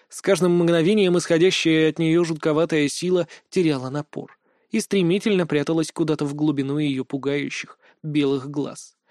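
A man reads a first-person fantasy audiobook with dramatic, expressive storytelling. His voice sits a little higher than most men's. The recording is dry and close to the microphone, with no room sound. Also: no echo. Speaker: audiobook narrator.

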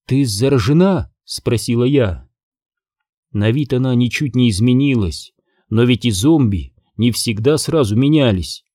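A man reading an audiobook horror story aloud in scripted, expressive first-person narration. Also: mid-range voice, unhurried, dry recording, clean studio sound. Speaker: audiobook reader.

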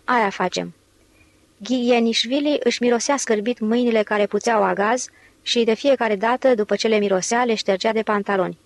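A woman reading a novel aloud in steady, measured literary narration. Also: on the high side, no room sound. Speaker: audiobook narrator.

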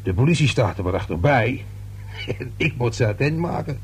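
In a radio drama, an actor voices a nosy, grumbling working-class man whose speech is halting, colloquial and self-important, delivered in a husky, gravelly voice. His pitch is medium and his intonation lively, with light acting and a faint hiss or hum. He comes across as boastful and grumbling.

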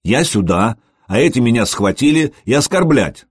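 A man voicing an outraged young retainer who shouts and complains. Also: medium pitch, very animated, normal speed, slightly rough, dry recording, clean studio sound. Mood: indignant. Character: indignant young male retainer of a governor.

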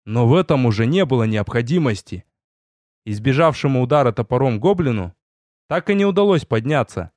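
Lively male audiobook narrator. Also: medium pitch, a little fast, dry recording. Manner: lively storytelling, with voiced dialogue. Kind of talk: first-person fantasy narration.

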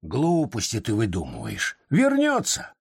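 A man voicing an old male street performer who pleads helplessly, with a croaky falsetto when he calls out. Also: wildly swooping pitch, measured pace, no room sound, clean studio sound, heavily acted. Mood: calling, grumbling. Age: older.

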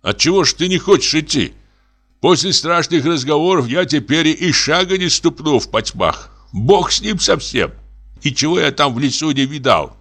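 A man's voice: mid-range voice, lively intonation, measured pace, pushed and bright, voice pushed up. A man reading an audiobook voices a timid, pious old male forester who whines and sighs in fright. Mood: frightened whining. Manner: whining, sighing, fearful.

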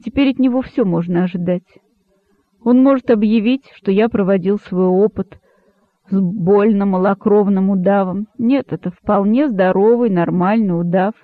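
A man reading an audiobook, voicing a wise, sad old rabbit who speaks calmly and gravely. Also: sits high, dry recording, close to an everyday voice. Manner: calm, grave, measured. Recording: dry, narrow phone-like sound.

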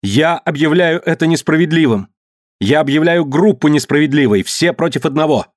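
A man's voice: mid-range voice, brisk, a little mellow, no echo, studio quality, voice pushed up, natural voice. A man voicing a brave young girl who protests passionately against injustice. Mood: indignant.

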